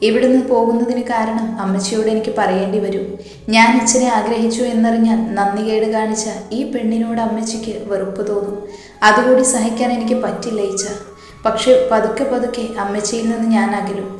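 A hurt, proud young woman, as a woman narrator reads her, earnest and pleading, with a somewhat high voice. A long, roomy reverb hangs over every word, and faint music runs underneath. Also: steady tone, fairly quick, natural voice. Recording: echoey hall with soft music.

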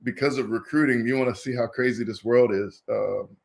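A man in his fifties from Indianapolis, a former college football player telling stories as an interview guest, in a lively way that acts out the people he quotes. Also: mid-range voice, a little fast, gravelly. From Indianapolis, USA. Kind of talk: casual interview storytelling.

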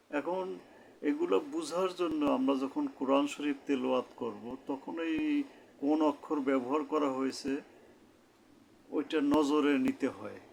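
A man with a gravelly voice explains each letter in a slow, careful lesson. He says every sound over and over at an unhurried pace. A faint hiss of noise sits under the recording. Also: medium pitch, darkish tone. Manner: repeats each letter sound slowly and deliberately. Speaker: Quran recitation teacher.

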